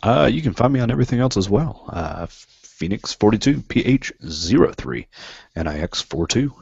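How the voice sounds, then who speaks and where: A man's voice: on the low side, expressive, normal speed, vocal fry, darkish tone, breathy edge, no room sound, lo-fi sound. A man co-hosting a casual podcast, laid-back and dry. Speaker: podcast co-host.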